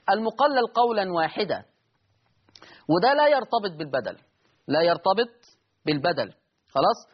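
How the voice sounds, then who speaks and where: A man's voice: high-pitched, husky, muffled recording. A man with an Egyptian accent teaching Quran recitation rules, asking and answering his own questions and stretching out the example words. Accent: Egyptian Arabic. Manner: drawn-out demonstrations of recited words. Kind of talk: Quran tajweed lesson.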